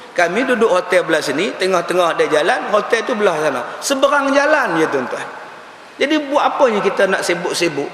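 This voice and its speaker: A male preacher, giving a lively religious lecture and acting out the people in his stories. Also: sits high. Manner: animated storytelling with acted-out quotes. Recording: echoey hall with faint hiss.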